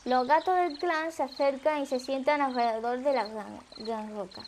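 A woman reading a story aloud as narrator, in a plain, steady way. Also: high voice, moderate pace, slight background noise.

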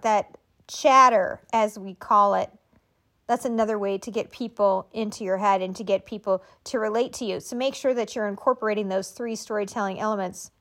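A woman giving a conversational lesson on storytelling craft, animated and full of asides. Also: mid-range voice. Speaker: writing coach. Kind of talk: storytelling workshop talk.

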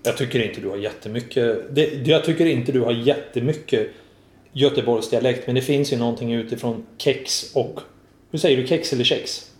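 A man's voice: mid-range voice, darkish tone, roomy sound. Teasing man asking playful questions. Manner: teasing, asks probing questions. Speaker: podcast co-host. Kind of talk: casual chat.

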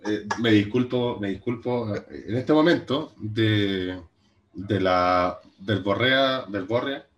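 A man's voice: fairly low pitch, slow pace, lo-fi sound. A young man with a Chilean Spanish accent, co-hosting a podcast in casual banter, teasing and swearing. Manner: teasing, profane, laughing. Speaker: podcast co-host.

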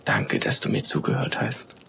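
A man's voice: normal speed, a bit bright, a little hiss or hum, natural voice. A man voicing a shy, lonely old woman who speaks hesitantly in a storybook tale. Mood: content.

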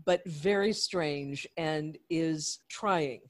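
A podcast co-host in a relaxed, talkative exchange at an even middle pitch. Curious and engaged, this speaker keeps steering the chat with questions. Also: extremely slow. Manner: curious, chatty, asks questions. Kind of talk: casual chat.

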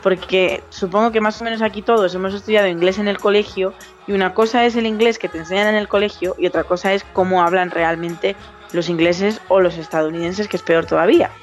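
A woman's voice: mid-range voice, fairly quick. A woman from Zamora, Spain, with a Zamora Spanish accent, co-hosting a podcast and telling stories in a chatty, casual way over faint music. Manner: chatty storyteller, quotes others in lively voices. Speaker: podcast co-host. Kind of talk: casual chat.

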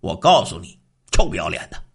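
A man voicing a cruel, jealous husband who scolds his wife gruffly. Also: low-pitched, very animated, fairly quick, voice pushed down, full character voice. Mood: menacing.

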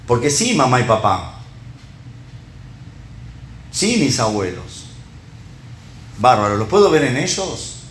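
A man's voice: medium pitch, echoey room, a little hiss or hum. A middle-aged man with a Rioplatense Spanish accent giving a conversational sermon, tossing rhetorical questions and little check-ins at his listeners.

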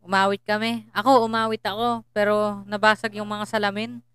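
Joking young man, smooth voice. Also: sits high, little pitch movement, moderate pace, pushed and bright, no echo. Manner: joking, self-deprecating, often searches for words. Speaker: podcast co-host, student. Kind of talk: casual Tagalog podcast chat.

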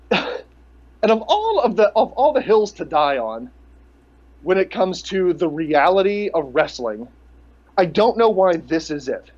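A man with a fairly high voice co-hosts a podcast, rambling and ranting with sarcastic, foul-mouthed asides. The audio is dull and lo-fi, like a cheap home recording. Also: sing-song, slow, long pauses, a little mellow. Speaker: podcast co-host. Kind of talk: casual rant about pro wrestling.

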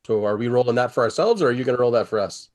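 Animated, wry man bantering. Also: mid-range voice, rapid-fire. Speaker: tabletop game player. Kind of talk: casual joking banter.

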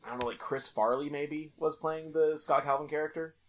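Fast-talking joking man on a podcast. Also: a little high, fairly even intonation. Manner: joking, profane. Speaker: podcast host. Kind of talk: casual podcast chat.

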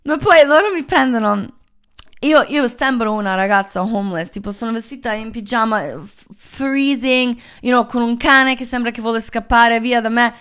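Woman with as her telling a story, chatty and animated, slightly high voice, keeps laughing and tossing in words. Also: moderate pace. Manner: animated, mixes English words into Italian, laughs often. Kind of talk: casual storytelling.

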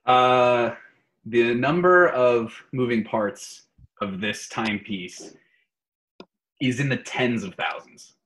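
A man's voice: mid-range voice, takes it slowly, fairly bright tone. A man co-hosting a podcast, casually reading brain teasers to a friend in a playful, teasing way. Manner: playful, teasing quizmaster who laughs often. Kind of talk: casual chat.

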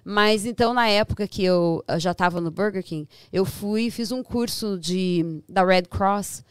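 A woman from Brazil with a Brazilian Portuguese accent, a podcast guest telling stories in a lively, animated way. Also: mid-range voice, unhurried, clear, resonant tone, dry recording. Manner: lively storyteller who acts out voices and laughs often. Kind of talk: casual storytelling chat. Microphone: studio podcast mic.

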